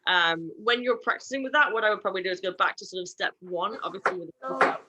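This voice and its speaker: A woman dog trainer teaches an online puppy class in an animated, fast, chatty way, correcting herself and sometimes slipping into a playful high voice. Heavy background noise is present.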